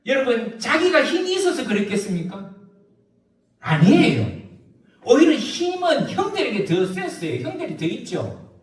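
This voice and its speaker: A man preaching a sermon as a pastor, telling a story with lively rhetorical questions. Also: very high voice, moderate pace, roomy sound, recorded from a distance.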